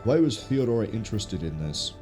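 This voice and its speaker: A man's voice: fairly low pitch, sing-song, fairly quick, a little mellow. A man with a stuffy nose, sounding ill, gives casual gameplay commentary as a streamer, musing and thinking aloud. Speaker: game streamer. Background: game music.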